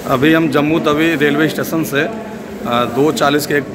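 A man's voice: on the high side, fairly even intonation, a little slow. A man in his thirties, a travel vlogger filming himself at arm's length outdoors at a station and on a moving train, explaining routes and fares to his viewers. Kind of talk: casual travel vlog. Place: outdoors at a railway station and at an open train door. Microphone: camera held at arm's length. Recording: noisy outdoor and train ambience.

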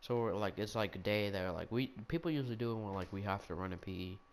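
A man's voice: lowish voice, quick pace. Young man rambling through a funny story. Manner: animated, self-mocking, restarts often. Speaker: gaming video storyteller.

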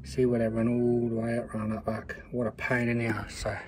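A man's voice: medium pitch, completely flat delivery, fairly quick, poor audio. A man, talking casually on a phone camera outdoors while he works on a car engine and thinks aloud. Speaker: mechanic vlogger. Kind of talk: casual work vlog. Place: outdoors beside a car with the bonnet open. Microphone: phone camera held close. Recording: outdoor ambience noise behind the voice.

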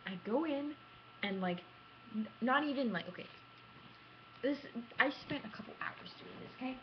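In an animated voice on the high side at normal speed, a young adult woman who vlogs about gaming tells stories to camera casually, theatrically and with self-mockery. Recorded indoors in a small room at home on a computer webcam at arm's length, the audio is dull and lo-fi with clear noise.

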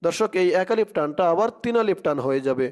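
A man with a Bangladeshi Bengali accent giving a religious lesson, spelling out Arabic letter by letter and chanting verses slowly. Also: a little high, animated. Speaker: Quran recitation teacher.

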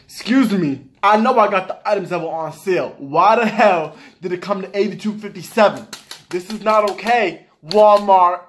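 High-voiced man ranting to camera. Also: moderate pace. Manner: animated, exasperated, talks straight to the viewers; casual slangy speech, repeats lines for emphasis. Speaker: vlogger. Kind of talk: casual ranting vlog.

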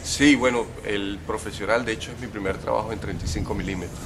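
A young man with a Venezuelan accent, a filmmaker talking about his short film in a relaxed, thoughtful way, recorded outdoors by a building entrance on a close camera mic. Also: fairly low pitch, fast, noisy background. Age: young adult. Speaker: filmmaker guest. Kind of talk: festival interview.

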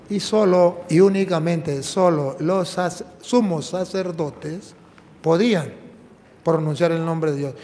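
High-voiced priest preaching in a reverberant church. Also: male voice, darkish tone. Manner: didactic, emphatic, rhetorical questions. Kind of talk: preaching and apologetics dialogue.

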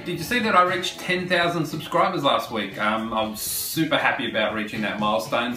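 A man, a woodworking host who explains a project in a relaxed, chatty way with fillers. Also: fairly low pitch. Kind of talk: casual how-to narration. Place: large home workshop, indoors. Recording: roomy workshop sound, mic at a distance, music under the voice. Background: background guitar music.

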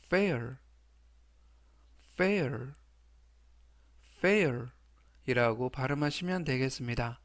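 A man teaching English vocabulary to Korean learners, who is a native Korean speaker. He explains each word politely and formally, then repeats it three times. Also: mid-range voice. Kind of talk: slow, deliberate vocabulary lesson.

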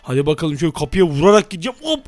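A gaming YouTuber man who shouts and blusters in a role-play and turns to chat with viewers in asides. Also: on the high side, big pitch swings, rapid-fire, no room sound. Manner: shouty, blustering when acting angry; chummy asides to viewers. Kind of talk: Minecraft role-play with commentary.

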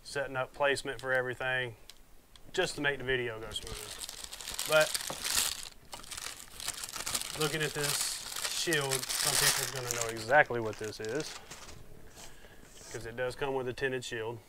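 On a very noisy clip, a motovlogger unboxes motorcycle gear to camera in a small room at home, talking through a wireless lapel mic. His medium-pitched voice stays fairly even and a little slow, with frequent pauses as he rambles in a plainspoken, folksy way.

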